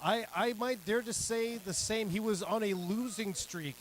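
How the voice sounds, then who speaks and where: A man's voice: high-pitched, a little slow, a little hiss or hum. A man giving live play-by-play commentary as a wrestling commentator.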